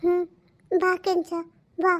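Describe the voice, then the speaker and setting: A woman voicing the gentle, sorrowful ghost of a dead wife who speaks unseen, pleading slowly and tenderly. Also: extremely high pitch, level tone. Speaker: spirit speaking unseen to her husband.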